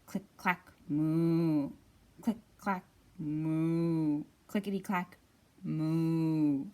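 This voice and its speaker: A woman voicing busy storybook cows and ducks, chanting clacking sounds and animal calls in a steady rhythm. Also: sits low, extremely slow, voice pushed down. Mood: busy, rhythmic.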